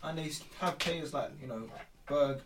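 A man's voice: a little high, normal speed, far from the mic, crowd noise. A young man, talking casually through football points and steering the discussion. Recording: echoey room, off-mic, faint noise.

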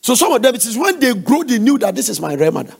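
A man's voice: very high-pitched, big pitch swings, fast, gravelly, husky. A man preaching an earnest sermon, exhorting and telling family stories. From Nigeria.

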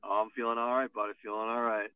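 A man's voice: on the low side, level tone, racing, a crowd in the background. A man with a Chicago accent co-hosting a podcast in laid-back, profane banter. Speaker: podcast co-host. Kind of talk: casual chat. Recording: tinny phone-like line, dry.

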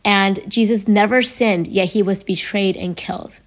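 A young adult woman hosting a faith podcast, her voice hoarse and raspy from laryngitis, talking in an earnest, conversational way. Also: mid-range voice, fairly even intonation, moderate pace. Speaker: podcast host.

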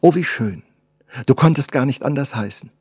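A man reading the part of a shy young woman in love, speaking softly, almost in a whisper. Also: mid-range voice, lively intonation, normal speed, husky, no echo, studio quality, voice pushed up. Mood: playful. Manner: soft, hushed, near whispering.

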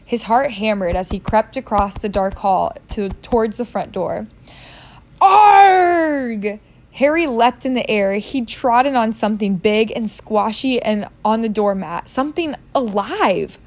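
A woman's voice: mid-range voice, moderate pace, hardly any pauses, darkish tone. A woman reading a novel aloud in a casual way, joking about her own misreadings. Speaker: reader.

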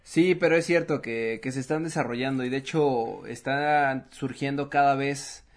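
A man's voice: medium pitch, moderate pace. A man with a Mexican accent chatting casually, joking around and using heavy slang. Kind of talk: casual chat.

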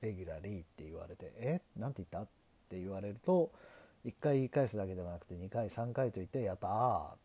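A middle-aged lawyer from Japan hosting a solo podcast, talking in an earnest, self-deprecating, measured way. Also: male voice, deep voice, expressive, mellow. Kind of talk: solo podcast talk on learning English.

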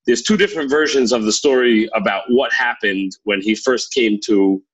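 A man's voice: mid-range voice, moderate pace, a bit bright, lo-fi sound. A man in casual chat, curious and asking questions about a story.

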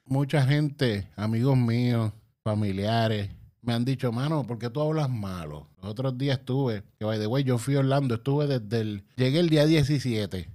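A man's voice: medium pitch, moderate pace, dark tone. A man with a Puerto Rican accent, ranting bluntly and heatedly in a casual, profane monologue.

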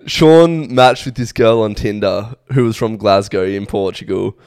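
Young Aussie bloke, podcast host, rambling casual storyteller, smooth low voice, dry sound. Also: male voice, a little slow, darkish tone, dry recording. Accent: Australian. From Australia. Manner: laid-back, rambling storytelling with many fillers. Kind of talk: casual chat.

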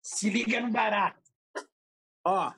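A middle-aged pastor with a São Paulo accent tells a story in an animated, slangy, emotional way during a casual podcast interview. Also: male voice, high voice, slow pace, slightly rough. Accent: São Paulo Portuguese.

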